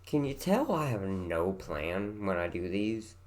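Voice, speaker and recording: A man's voice: low-pitched, very animated, unhurried, darkish tone. A tired man in his thirties talks casually to the camera in a light West Virginia country accent. He rambles and meanders, pokes fun at himself, and drifts into repeating his words. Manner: meandering and self-deprecating, trails off into repeated words. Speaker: vlogger.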